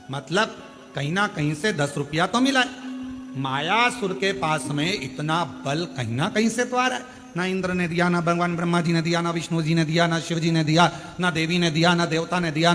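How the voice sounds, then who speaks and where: A man's voice: a little high, a bit bright. A man with a Madhya Pradesh Hindi accent preaching a live devotional sermon, hammering home points with repeated rhetorical questions. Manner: emphatic, repetitive rhetorical questions to the audience. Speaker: katha preacher. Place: large outdoor katha pandal. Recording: long hall reverb with faint music.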